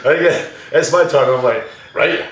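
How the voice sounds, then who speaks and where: A man telling a halting, self-mocking anecdote in casual podcast chat. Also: medium pitch, echoey room, slight background noise. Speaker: podcast co-host.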